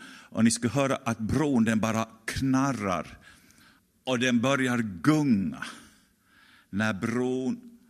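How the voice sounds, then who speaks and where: A pastor telling a story in a conversational sermon, with many restarts and rhetorical questions. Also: male voice, mid-range voice. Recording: long church hall reverb.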